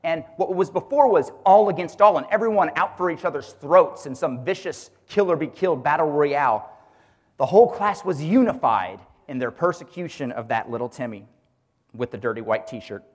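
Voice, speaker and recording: A man's voice: a little high, expressive, normal speed. A man who is a teacher gives a religious teaching talk to a group, asking rhetorical questions and calling on listeners by name. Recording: long hall reverb.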